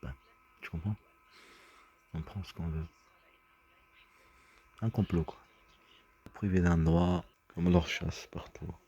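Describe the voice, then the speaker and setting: A man's voice: low voice, fairly even intonation, takes it slowly, long pauses, dark tone, slightly rough, lo-fi sound. A man talking in a rambling personal monologue, agitated and often stumbling over and repeating his words. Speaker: vlogger.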